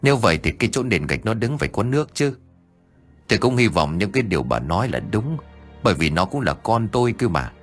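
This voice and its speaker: A man voicing a gentle, grieving middle-aged father who talks in a patient, soothing way. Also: on the low side, big pitch swings, brisk, faint music behind. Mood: steady.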